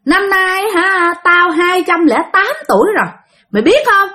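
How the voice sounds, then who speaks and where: A woman voicing an ancient female spirit that has taken over a young woman, harsh and rasping and boastfully taunting. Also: very high-pitched, animated, measured pace, sharp tone, voice pushed up, exaggerated voice.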